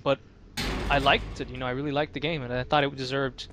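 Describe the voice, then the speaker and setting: A man casually chatting while playing a video game, relaxed, with lots of fillers and swearing. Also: medium pitch, fast talker, noisy background. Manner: laid-back, swears a lot, many fillers. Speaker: let's play commentator. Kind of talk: casual gaming chat.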